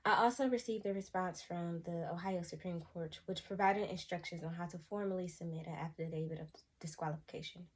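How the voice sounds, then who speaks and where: Talking brisk and fairly even, with a fairly low pitch, this young adult woman from the United States shares an emotional testimony on camera. She's earnest, sighs frequently, and addresses her audience as y'all, over a little hiss or hum.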